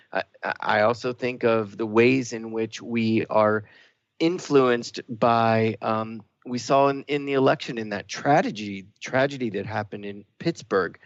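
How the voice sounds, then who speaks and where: Vocal fry colors this man's mid-range voice as he co-hosts a radio show with reflective, earnest explanations. There's no echo, and the broadcast sound is dry and dull.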